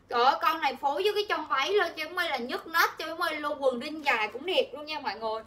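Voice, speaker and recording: A woman's voice: sits high, bright, forceful tone, slight background noise. A young woman, chatting nonstop and pushing deals to viewers on a live clothing sales stream. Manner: chatty, pushy, addresses viewers constantly. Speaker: livestream clothing seller. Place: indoors, home shop.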